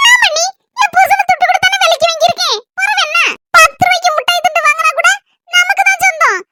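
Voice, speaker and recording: A woman's voice: extremely high pitch, fast, very noisy, voice pushed up. A young woman acting a nosy, scolding old village mother-in-law in a comedy sketch, speaking with a Kanyakumari Tamil accent. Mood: boastful. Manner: nosy, loud, complaining.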